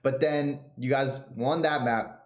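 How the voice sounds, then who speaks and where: A man's voice: mid-range voice, a little slow. Chatty man in an echoey room. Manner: relaxed, chatty, recaps past matches. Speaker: podcast host. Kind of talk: casual chat.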